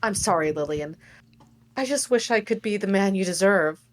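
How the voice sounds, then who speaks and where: A woman reading the part of a remorseful old king who has been turned into a frog, in an amateur table read. She speaks earnestly and haltingly. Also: mid-range voice, lively intonation, lightly acted. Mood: apologetic.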